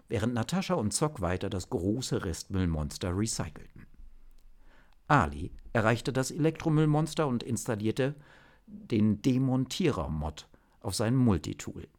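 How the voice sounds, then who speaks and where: Male narrator, low-pitched, lively and expressive storybook reading.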